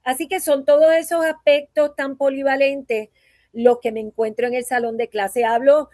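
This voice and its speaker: A woman's voice: high-pitched, little pitch movement, moderate pace, dark tone, no echo. A Puerto Rican woman who teaches voice and acting, speaking in an earnest, reflective way at a talk and often tagging her sentences with "¿verdad?". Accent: Puerto Rican Spanish. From Puerto Rico. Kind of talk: conference talk.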